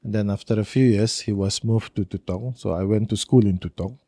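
A man's voice: fairly low pitch, brisk, dark tone, slightly rough, dry recording. A man in his sixties from Brunei, a guest telling his life story in a rambling, laughing way. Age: 60s. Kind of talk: casual interview chat.

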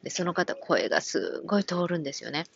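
A woman with a Kansai accent, gently telling a personal story from her work as a caregiver, with many soft fillers. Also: on the low side, very animated, quick pace, creaky, lo-fi sound, a little hiss or hum. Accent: Kansai Japanese. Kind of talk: casual radio-style talk.

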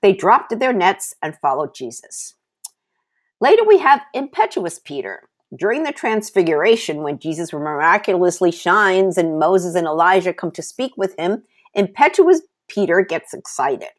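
Lively low-voiced woman teaching the Bible. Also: normal speed. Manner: animated storytelling, conversational asides. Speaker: podcast host and Bible teacher.

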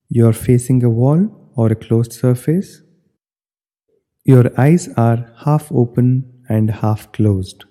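A man with a mid-range, very soft, dark-toned voice guides a meditation, speaking slowly in measured instructional phrases separated by space. A long, hall-like reverb trails his words.

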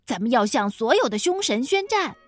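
A woman's voice: high-pitched, brisk, soft background music. A woman voicing a brave, boastful young male crow who squawks and gets indignant easily. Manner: excitable and indignant.

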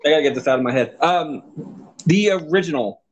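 A podcast host from Texas trades casual banter in a slightly high, slightly fast voice over poor audio. He stammers, swears freely and often restarts his sentences.

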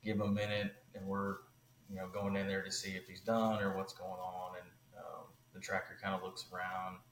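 Man, low voice, casual rambling storyteller, roomy sound, faint background noise. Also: brisk. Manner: animated, rambling with many fillers. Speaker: podcast guest.

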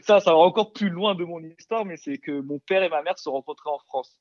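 Casting: young Korean-born man, hesitant and halting guest voice, dry and muffled. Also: fairly high pitch, dry recording. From South Korea. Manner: hesitant, many fillers and restarts, laughs often. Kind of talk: casual interview chat.

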